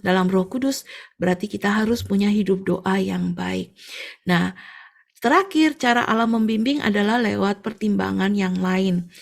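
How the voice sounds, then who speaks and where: A woman lay preacher giving a conversational church teaching, peppering her talk with little fillers and growing lively when she tells personal stories. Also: creaky. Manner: conversational, fills with frequent "ya" and "eh"; gets animated and rises in pitch when telling stories.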